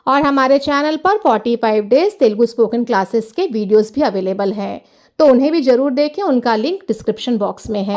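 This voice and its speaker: A high-pitched woman gives a language lesson. She says each phrase slowly and clearly, then repeats it. She explains each point with patience. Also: a little mellow. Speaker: language teacher. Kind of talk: slow, careful language lesson.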